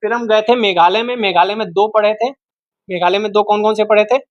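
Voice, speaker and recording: A man's voice: high voice, fairly even intonation, brisk, no room sound. A man teaching an exam-prep geography lesson, repeating each name several times and quizzing the listener as he goes. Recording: dull, dry, lo-fi home recording.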